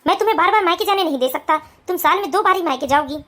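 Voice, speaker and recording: A woman voicing a calm, dutiful young husband in a cartoon, lowering her voice and speaking firmly. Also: very fast. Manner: calm, firm, lower put-on voice.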